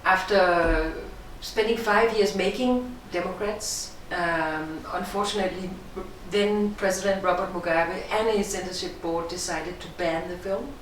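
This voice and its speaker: A middle-aged woman from Denmark with a Danish accent, a film director giving measured, thoughtful interview answers. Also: fairly low pitch, slight background noise. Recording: echoey room, distant mic.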